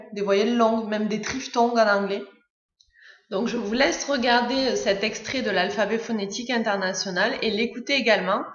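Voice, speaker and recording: A French-speaking woman with a voice on the high side narrates an English lesson, explaining step by step with frequent hesitations and fillers. The audio is dull and reverberant.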